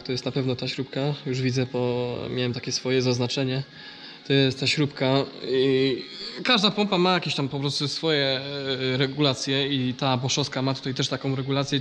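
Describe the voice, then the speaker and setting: A man's voice: medium pitch, fairly bright tone, a little hiss or hum. A man with a nasal, congested voice from a blocked nose, explaining farm machinery in a casual, hesitant vlog style. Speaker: vlogger.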